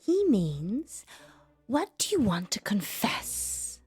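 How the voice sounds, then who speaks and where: Breathy, girlish radio co-host. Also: mid-range voice, wildly swooping pitch, takes it slowly, faint music behind, heavily acted. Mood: curious, sympathetic. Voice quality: soft, breathy, baby-doll voice. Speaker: radio co-host in a story game. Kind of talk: dramatic game dialogue, late-night radio show.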